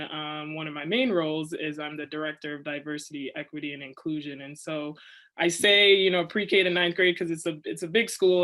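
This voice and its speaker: Woman coach, bright even voice. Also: low-pitched. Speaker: basketball coach. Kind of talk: panel discussion.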